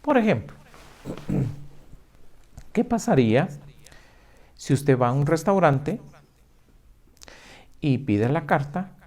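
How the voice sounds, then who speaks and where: A man's voice: a little high, sing-song, slow pace, long pauses, darkish tone. A male pastor preaching emphatically, asking the listener rhetorical questions and acting out their objections. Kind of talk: sermon.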